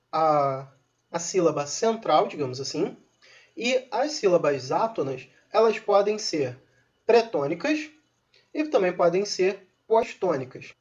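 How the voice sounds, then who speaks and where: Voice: mid-range voice, a little mellow. A teacher, patiently explaining a recorded grammar lesson with informal asides to viewers. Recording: dull lo-fi recording.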